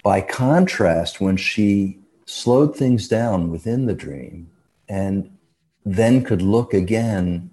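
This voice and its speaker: A man who is a radio guest, explaining ideas about dreams in a measured way and often trailing off softly. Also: on the low side, animated.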